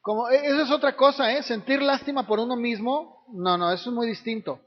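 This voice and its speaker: A man's voice: extremely high pitch, fairly quick. A man preaching a sermon as pastor, often tagging his points with rhetorical questions to the congregation. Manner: preaches with frequent rhetorical tag questions, acting out voices of others. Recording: reverberant hall, dull lo-fi sound.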